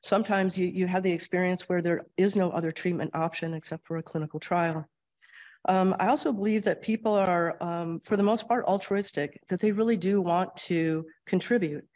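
A woman with an Upper Midwest American accent, getting over a cold and losing her voice, speaks at a moderate pace in a low-ish, steady, slightly mellow tone. A clinical research administrator, she presents a conversational grand rounds lecture with slides, explaining things with frequent ums and throat clearing.

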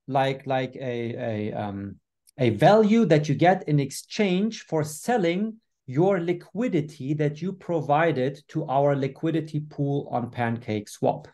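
A man's voice: on the high side, expressive, slow pace, dark tone. A man hosting a business webinar over a video call, upbeat, with frequent fillers. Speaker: webinar host.

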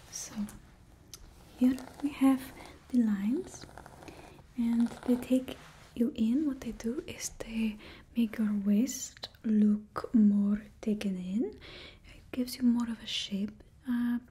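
This young ASMR creator's roleplay has her voicing a bossy stylist for supervillains, with a put-on Russian accent and blunt, condescending whispers right up at a close mic. Her high-leaning voice is warm, slightly rough and exaggerated, slow and fairly even, with frequent pauses. She records in an indoor studio with a painted backdrop.

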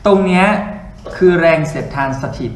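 A man's voice: sits high, normal speed, a little hiss or hum. A man tutoring physics in a classroom lecture, chatty and joking with his students as he works through problems on the board. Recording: roomy classroom with faint ambience.

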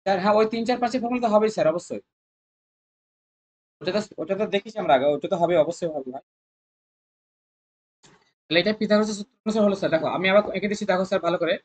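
Coaching-centre math tutor, mid pitch, rapid, drills students with constant questions. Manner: coaxing, repetitive. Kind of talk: exam-prep math lesson.

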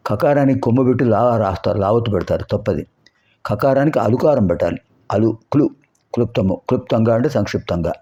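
A man teaching a Sanskrit lesson, explaining grammar and slowly repeating sounds to show how to pronounce them, with rhetorical questions. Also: fairly low pitch, animated, mellow. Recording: dull lo-fi recording.

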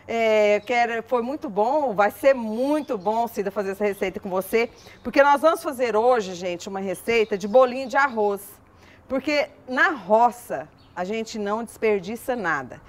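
A woman's voice: fairly high pitch, expressive, normal speed. A woman from Brazil hosting a countryside cooking show, chatting and asking her guest questions. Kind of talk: casual TV interview.

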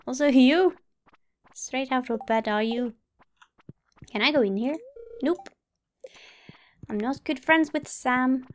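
A high-pitched woman hosts a gaming video, giving casual let's play commentary that's chatty, a little hesitant, and full of musing to herself. Game music plays behind her, with slight background noise.

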